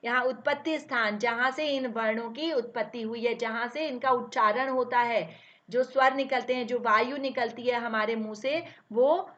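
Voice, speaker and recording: A woman teacher explaining a lesson step by step, asking questions and answering them herself, and drawing out each letter slowly as she sounds it. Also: a little high, a bit bright. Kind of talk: classroom grammar lesson. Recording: dull, lo-fi recording.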